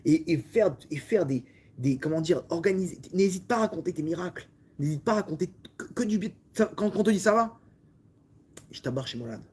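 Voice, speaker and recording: A man from France with a French accent, a rabbi giving a lively Torah lesson full of restarts and direct questions to his listeners. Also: sits high, fairly quick, slight background noise. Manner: repetitive, stumbling restarts, talks directly to listeners.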